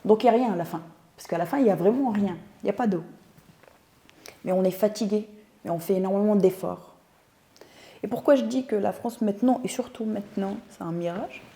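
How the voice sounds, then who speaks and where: A woman's voice: medium pitch, a little fast, pauses often, warm tone. A woman, a guest telling her story in a casual interview, thoughtful and searching for words. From Tunisia. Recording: roomy echo.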